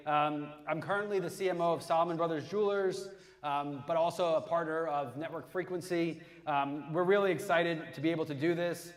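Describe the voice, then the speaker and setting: Fast-talking joking male panel host. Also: on the high side. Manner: casual, rambling, joking banter. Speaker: panel moderator and podcast host. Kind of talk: live panel hosting. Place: live event stage.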